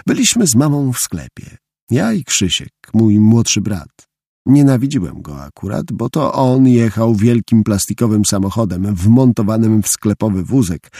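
A man's voice: lowish voice, very animated, measured pace, dark tone, breathy edge, no echo. A man narrating a first-person audiobook in a wry storytelling tone, recorded dry and close to the mic.

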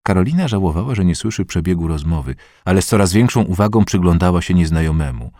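A man narrating an audiobook in a measured, expressive reading voice on a close studio mic. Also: sits low, no room sound. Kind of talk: scripted narration.

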